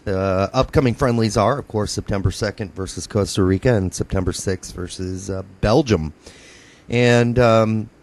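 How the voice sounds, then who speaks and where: A man's voice: fairly low pitch, normal speed, darkish tone. A man hosting a casual sports podcast, talking in a rambling way with plenty of ums and uhs. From United States. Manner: rambling, hesitant with many fillers. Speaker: podcast host.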